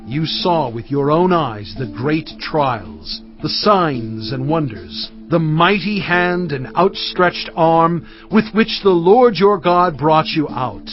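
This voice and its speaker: In a dramatised scripture reading, an actor plays Moses, a solemn, impassioned male prophet exhorting his people with a fervent warning. His voice is on the high side, and his phrasing is emphatic, oratorical and deliberate. The audio is dull and band-limited, with music behind.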